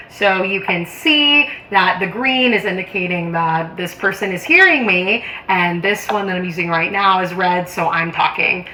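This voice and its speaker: With echo and faint noise around her in a large room, a woman casually walks the listener through a product demo step by step, like a chatty instructor. She talks informally at a middle pitch, with a sharp tone.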